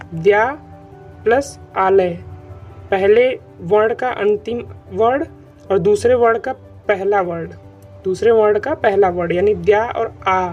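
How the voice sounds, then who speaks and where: Male online teacher with a mellow, soft-edged voice. He repeats points and keeps checking in. Dull lo-fi sound. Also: high-pitched. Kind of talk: online grammar lesson. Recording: dull lo-fi recording with faint music.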